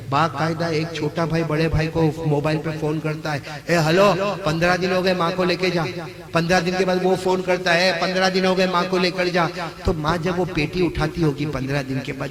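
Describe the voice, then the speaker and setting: A man preaching a dramatic story sermon, swinging from hushed tones to shouts and calling out for the audience to respond. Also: a little high. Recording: loud crowd at a gathering. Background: crowd.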